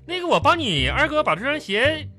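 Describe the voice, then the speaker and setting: A man's voice: very high-pitched, very animated, fairly quick. A middle-aged man playing a grumbling husband who mutters sly asides in a live comedy radio sketch, with music behind him. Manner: mutters sly asides under his breath. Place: radio studio.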